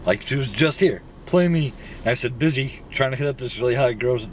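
A man's voice: mid-range voice, brisk. A man in his thirties, a vlogger chatting casually and teasing from a parked car, picked up by a dashboard camera. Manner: joking, teasing. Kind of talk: casual chat. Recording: noisy car interior.

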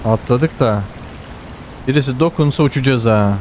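A man with a Turkish accent giving excited running commentary while playing a game, often repeating words and exclaiming. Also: medium pitch, moderate pace, a little hiss or hum. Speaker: gamer.

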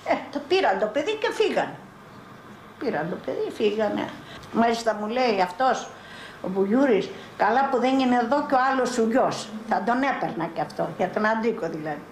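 An older woman from Greece giving spoken testimony as a mother in a documentary, telling her story in halting, broken-off phrases. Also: on the high side, animated, a little hiss or hum. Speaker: mother recounting her son's arrest. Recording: roomy archival 1982 film sound.

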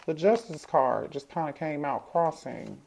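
A woman's voice: deep voice, animated, a little slow, vocal fry, darkish tone, a little hiss or hum. A woman doing a casual tarot reading for viewers, thinking aloud, asking the cards questions and repeating herself as she goes. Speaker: tarot reader.

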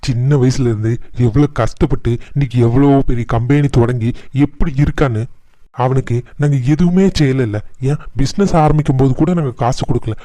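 A man doing a hot-tempered cartoon dad, barking threats and scolding his son, medium-pitched voice, dry close sound. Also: warm tone, no room sound, lightly acted. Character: stern angry middle-aged father, harsh scolder.

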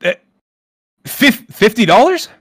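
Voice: mid-range voice, very animated, slow pace. A performer playing a neighborhood customer who stammers and reacts with disbelief at a price. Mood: outraged. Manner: stammering, incredulous outbursts. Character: friendly neighbor who turns indignant customer.

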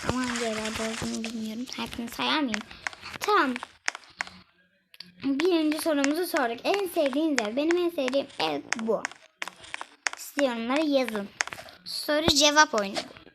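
A woman's voice: high voice, normal speed, pauses often, background noise. A young girl chatting casually to her viewers while she plays a game, giggly and talkative. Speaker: gaming vlogger.

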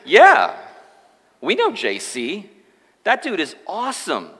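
A man's voice: sits high, wildly swooping pitch, slow pace, fairly bright tone, husky, big-room sound, pitched above the performer's own voice, heavily acted. A man voicing a friendly male alien visitor who talks in easygoing slang, in a church sermon joke. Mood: excited. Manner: slangy, enthusiastic surfer-style talk.

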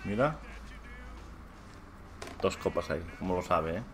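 A man's voice: deep voice, animated, measured pace, soft background music. A man hosting a let's play, joking rowdily and exclaiming as he plays. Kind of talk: casual gameplay commentary.

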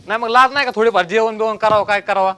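A man's voice: high-pitched, fairly even intonation, fast talker, pushed and bright, clear, resonant tone. A young man playing a petulant husband who bosses and whines in a comedy sketch. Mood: bossy. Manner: whiny, bossy.

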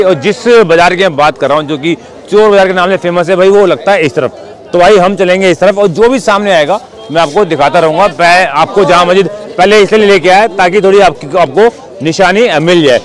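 On a walk through an outdoor market, a man cheerfully asks vendors what things cost, peppering his talk with "bhai" and "theek hai." His voice sits high and moves a little fast. Audio is poor, with crowd chatter and traffic behind.

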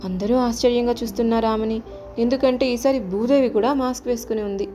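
A woman narrating a children's storybook tale in a calm, expressive manner. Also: on the high side, fast talker. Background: faint music.

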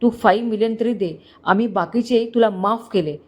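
A woman voicing a hot-tempered male gangster who threatens slowly and shouts. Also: on the high side, natural voice. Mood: threatening.

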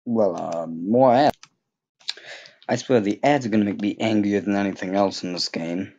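A man's voice: on the low side, normal speed, mellow, lo-fi sound. A young man giving casual, joking gameplay commentary, rambling with many fillers and mocking himself. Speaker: gaming YouTuber.

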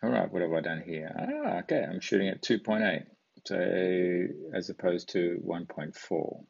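Low gravelly guy going through his photo edits, kinda husky, dull lo-fi sound. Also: moderate pace. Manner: relaxed, thinking aloud with fillers. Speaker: photography channel host. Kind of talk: casual screen-share walkthrough. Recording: dull lo-fi recording.

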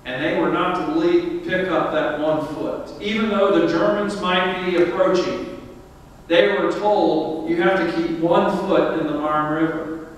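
A man's voice: a little high, steady tone, a little slow. A male pastor delivering an emphatic sermon in a church, his voice climbing on the key points. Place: church sanctuary. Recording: echoey church hall, mic far off.

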